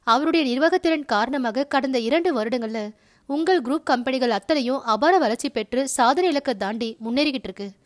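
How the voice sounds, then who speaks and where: A man's voice: very high-pitched, normal speed. A woman voicing a courteous young male magazine journalist who is asking for an interview. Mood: polite. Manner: courteous, eager.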